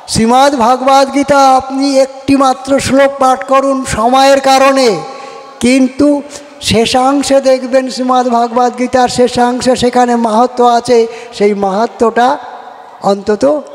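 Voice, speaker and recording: A man giving a devotional religious discourse, quoting verses and chanting a mantra as he preaches. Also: extremely high pitch. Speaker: religious speaker. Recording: long hall reverb.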